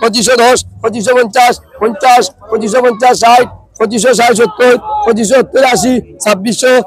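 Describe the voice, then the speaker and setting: A man's voice: very high voice, fairly even intonation, a little fast. A man with a Sylheti accent working as an auctioneer, chanting rising prices in rhythmic, repeated numbers. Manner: repetitive, rhythmic calling out of bids. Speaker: fish market auctioneer. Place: fish wholesale market.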